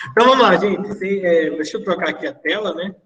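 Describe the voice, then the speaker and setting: A relaxed Brazilian man explains a lesson in a chatty, easygoing way, his voice a little higher than most men's. He stands well back from the mic in an empty classroom. A long, cave-like echo trails every word. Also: moderate pace, highs cut off. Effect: heavy cave-like echo. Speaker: teacher. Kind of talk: casual livestreamed classroom lecture. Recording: echoey hall, voice far from the mic.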